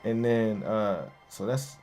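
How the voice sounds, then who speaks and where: A man with a fairly low voice talks through a beat he made in a relaxed, casual way. He sounds like a producer in his home studio, with loud beat music playing behind him. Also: takes it slowly. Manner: laid-back, hypes along to his beats with yo and hey ad-libs. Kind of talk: casual beat breakdown tutorial.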